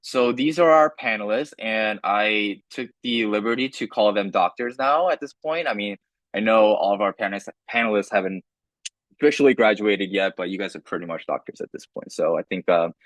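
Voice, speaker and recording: Young male moderator on a video call, low-pitched, dry, casual with frequent fillers. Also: normal speed, dry recording. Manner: relaxed, many fillers and restarts. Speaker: moderator of an online panel.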